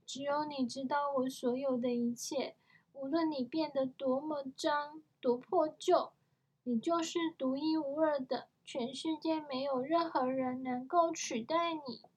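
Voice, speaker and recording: A woman's voice: high voice, steady tone, measured pace, poor audio. A woman reading the lines of a little girl who tenderly tells her doll it can never be replaced, in a storybook reading.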